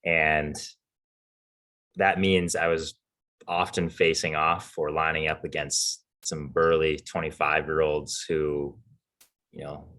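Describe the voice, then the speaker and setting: A male podcast co-host telling stories in a relaxed, casual way and chuckling along. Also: rumbling low, slow. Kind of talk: casual storytelling chat.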